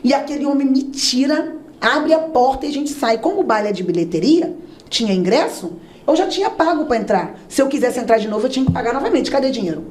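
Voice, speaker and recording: High-voiced woman giving a lively testimony. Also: quick pace. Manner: animated, acts out quoted voices and prayers. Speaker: testimony speaker. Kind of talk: church testimony storytelling.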